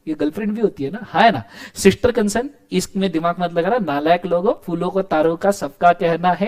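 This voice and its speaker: A man teaching a live online law class, joking and scolding his students in a playful way. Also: high voice.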